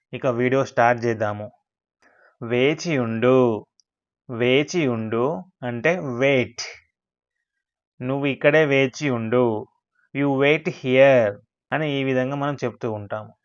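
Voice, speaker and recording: A man teaching English words in a slow vocabulary lesson, repeating each word and its meaning. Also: mid-range voice, muffled recording.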